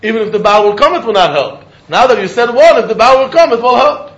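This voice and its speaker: A man with a Yiddish accent teaches Talmud in a notably high-pitched voice. He argues through questions and answers, circling back over phrases to press each point. The recording is dull and muffled, with clear room echo. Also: expressive, quick pace, fairly bright tone. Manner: argumentative question-and-answer, repeating phrases for emphasis. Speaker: religious teacher giving a Talmud lesson. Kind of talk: Talmud lecture mixing English with Yiddish and Hebrew.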